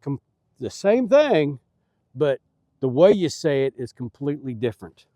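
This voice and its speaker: A man's voice: medium pitch, sing-song, moderate pace, mellow, no echo. Middle-aged bee guy rambling folksy and earnest outside by his hives, dry sound. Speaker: beekeeper. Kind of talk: casual vlog talk. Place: outdoors at beehives.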